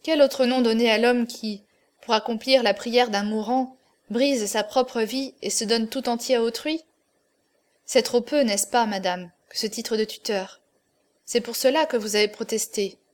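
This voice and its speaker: A woman's voice: fairly high pitch, unhurried, lightly acted. A woman reading an audiobook, voicing a proud adult male swordsman who speaks firmly and solemnly. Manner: firm, solemn, cold.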